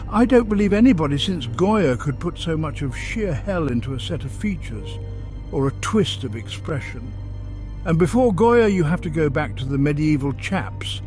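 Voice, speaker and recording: A man voicing an agitated, confiding gentleman in a dramatic first-person horror audiobook narration, conversational and emphatic. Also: fairly high pitch. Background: music under the voice.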